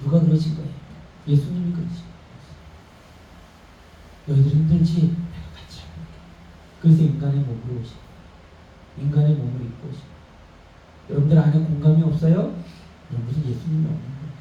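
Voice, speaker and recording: A man's voice: on the high side, dark tone, dull audio. Male pastor in his thirties, emphatic repetitive sermon delivery, recorded far away in a very echoey hall. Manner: emphatic, repeats phrases, asks and answers own questions. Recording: roomy church sound from far off, faint noise.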